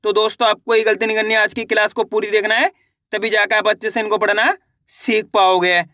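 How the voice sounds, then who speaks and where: A man teaching beginners to read Hindi, stretching each word out slowly and saying it twice, then checking whether students follow. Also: high voice, level tone, sharp tone, no room sound, studio quality. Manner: coaxing, repeats "clear so far?". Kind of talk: online reading lesson.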